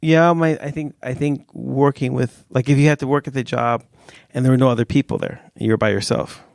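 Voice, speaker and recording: A man's voice: mid-range voice, steady tone, fairly quick, gravelly, darkish tone, no room sound, studio quality. A man co-hosting a podcast in casual chat, rambling and losing his train of thought, sounding drowsy. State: drowsy from a warm stuffy room. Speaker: podcast co-host.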